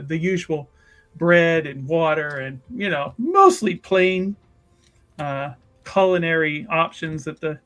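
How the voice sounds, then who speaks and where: Slightly high and a bit bright, this man's voice carries a casual, wry, conversational tone as he improvises his character's narration during a tabletop roleplaying game.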